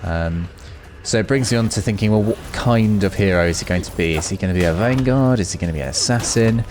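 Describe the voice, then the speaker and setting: Quick and fairly low-pitched with a darkish tone, a man provides loose, improvised commentary over a gaming video, pondering things aloud. Slight background noise is present.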